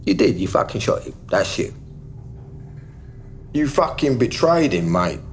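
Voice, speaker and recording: An actor playing a volatile gangster who swings from loud, jovial bluster to menacing whispers, his voice gravelly. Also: on the low side, very animated, a little slow, a little hiss or hum. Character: volatile London gangster, bakery-distillery boss, middle-aged man.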